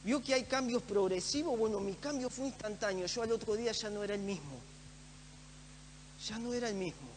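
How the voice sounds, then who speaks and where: High-voiced preacher in an echoey hall. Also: male voice, fairly quick. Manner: earnest, emphatic, repeats phrases for stress. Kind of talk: sermon. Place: church hall. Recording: echoey church hall with faint hum.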